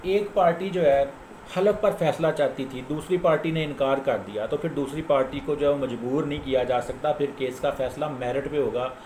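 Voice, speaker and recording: With a Pakistani accent and a mid-range, darkish voice, a man lectures informally as a lawyer, explaining case law at a moderate pace. He is didactic and keeps restating his main points, in an echoey room with faint noise behind him.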